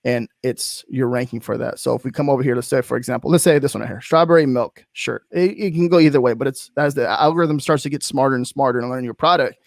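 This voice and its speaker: Hosting a relaxed video-call interview, a man speaks in a gravelly, creaky voice of ordinary pitch. He talks fast with few pauses, rambling, restarting sentences and relying on fillers, and the recording is dry and close.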